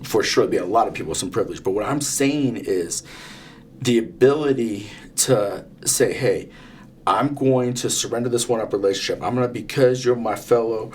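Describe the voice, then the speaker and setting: A man's voice: on the low side, normal speed, darkish tone, a little hiss or hum. Earnest fifty-year-old man telling stories. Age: 50s. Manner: earnest, repetitive restarts, storytelling. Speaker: podcast co-host. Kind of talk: casual podcast conversation.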